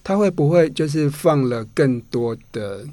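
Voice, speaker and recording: A man's voice: fairly high pitch, lively intonation, a little slow, dark tone, no echo. A man with a Taiwanese Mandarin accent hosting a casual interview, asking questions and summing up attentively.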